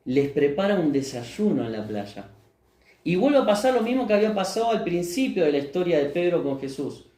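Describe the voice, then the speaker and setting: A man with a Rioplatense accent preaches a sermon as pastor. His voice sits somewhat high but sounds mellow and warm. He keeps asking the congregation questions and then answering them, and the sound carries the echo of a roomy church. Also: big pitch swings, a little fast. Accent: Rioplatense Spanish. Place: church hall.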